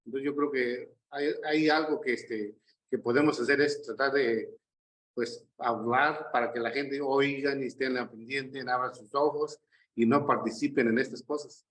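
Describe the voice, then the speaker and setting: A man's voice: mid-range voice, fairly even intonation, moderate pace, a bit bright, rough recording. A man speaking as a guest in a casual discussion, hesitant, with many fillers.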